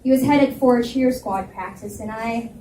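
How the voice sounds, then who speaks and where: Reading her own first-person story to a live audience, a woman speaks a little slowly in a fairly high, warm voice. The event takes place indoors at a library, captured on a distant mic in an echoey room with faint noise.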